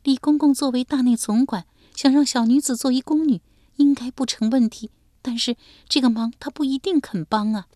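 A woman's voice: high voice, animated, fairly quick, hardly any pauses, mellow, no room sound, clean studio sound, voice pushed up. A woman voicing a humble young woman who speaks meekly and tearfully. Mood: tearful, pleading. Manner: meek, self-effacing, calls herself 小女子.

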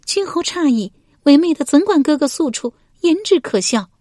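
A woman narrator voicing a proud young noblewoman in a historical novel reading, evasive and defiant, her lines shrill and pleading. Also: animated, moderate pace, darkish tone, dry recording, clean studio sound. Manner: shrill and pleading, rising into wails.

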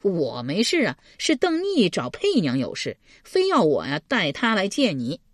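Woman playing a laid-back cheerful scholar guy, teasing, lively husky voice. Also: medium pitch, moderate pace, no echo, studio quality. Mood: breezy. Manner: breezy and teasing. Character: easygoing male scholar, cheerful, joking.

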